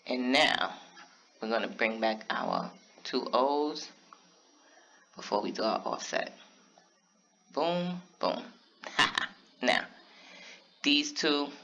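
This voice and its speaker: A man with a bright, forceful voice gives casual, step-by-step narration for a craft tutorial, speaking straight to his viewers. The recording sounds a little dull and lo-fi. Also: medium pitch. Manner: casual step-by-step explaining, talks to viewers directly.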